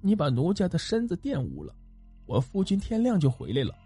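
A coy, plaintive young ghost woman, played by a man in a storybook tale. She speaks softly in old-fashioned phrasing, her voice husky and lively in pitch. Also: moderate pace, faint music behind, heavily acted. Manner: soft, plaintive, archaic phrasing.

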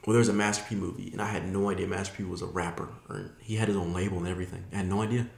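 Young male podcast host, lowish voice, rapid and rambling, jokey, echoey room. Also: level tone, creaky. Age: young adult. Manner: joking, rambling, many fillers. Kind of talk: casual chat.

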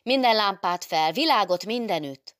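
A woman voicing a loud, bold gentry nun who shouts commands. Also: mid-range voice, expressive, no room sound, clean studio sound, voice pushed up, close to an everyday voice. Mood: commanding.

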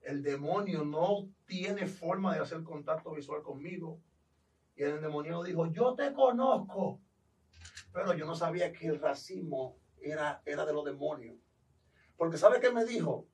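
A man's voice: a little high, moderate pace, distant mic, rough recording. A man with a Dominican accent, a pastor animatedly telling his testimony and acting out the voices in it. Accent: Dominican Spanish. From Dominican Republic. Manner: animated, acts out quoted voices. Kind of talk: testimony storytelling.

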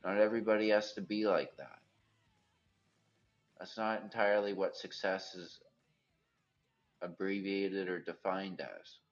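A man with a gravelly smoker's voice giving a candid, theatrical, rambling personal monologue as a host, in a wordy way. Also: low voice, fairly even intonation, a little slow, long pauses, highs cut off, soft background music.

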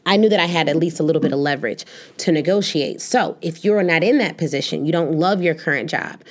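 A woman's voice: low voice, fast. A woman career coach hosting her own show, giving casual, emphatic advice and peppering her talk with "like" and asides.

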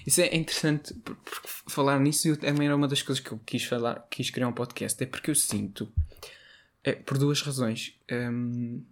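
A man's voice: mid-range voice, fairly even intonation, normal speed. A young man from northern Portugal co-hosting a casual podcast chat, rambling and correcting himself as he goes. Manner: rambling, self-correcting, laughs often. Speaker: podcast co-host.

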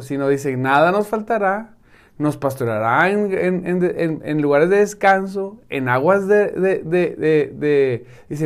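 A male preacher giving a sermon to an online congregation, emphatic, repeating words and dropping to soft, intense tones. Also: high-pitched.

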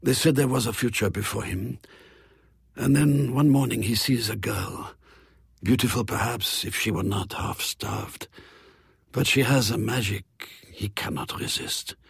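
A man's voice: medium pitch, measured pace, creaky, slightly rough, no echo, studio quality, heavily acted. A man doing a grave French croupier. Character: grave French croupier telling a sad tale.

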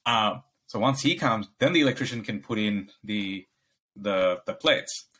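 Man from bangladesh, casual podcast chat, bright forceful tone, lowish voice, rambling, laughs a lot. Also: expressive, unhurried, slightly rough. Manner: rambling, laughs often, acts out quoted dialogue. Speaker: podcast co-host.

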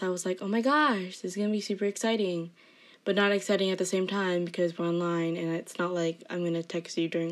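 A teenage girl talks through her day in a loose, chatty vlog. Her delivery is mostly even and a little monotone, and she strings thoughts together with constant fillers. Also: medium pitch. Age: teens. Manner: rambling, filler-heavy talk with frequent "like"; self-described monotone delivery. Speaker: student vlogger. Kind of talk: casual vlog chat.

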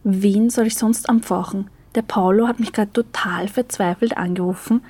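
A woman voicing a sharp-tongued young woman scolding her flatmate in an audio story. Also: mid-range voice, moderate pace, slightly rough, no echo, lightly acted. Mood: indignant.

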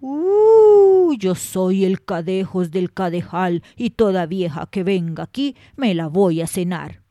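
The Cadejos, a monstrous spirit. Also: female voice, mid-range voice, sing-song, slow pace, warm tone, no room sound, studio quality. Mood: menacing.

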